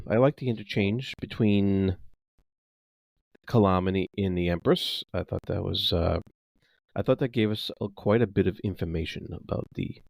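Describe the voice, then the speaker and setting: A man's voice: low-pitched, gravelly, darkish tone, no echo. A man chatting casually as a panelist on a book discussion podcast.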